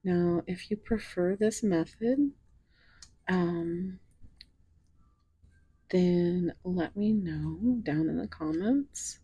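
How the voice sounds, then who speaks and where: A woman's voice: fairly low pitch, dark tone, slightly rough, no room sound. A woman giving a casual tarot reading, musing aloud and slipping into whispers as she lays out cards. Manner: slow, musing, drifts into whispers while pulling cards. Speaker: tarot reader.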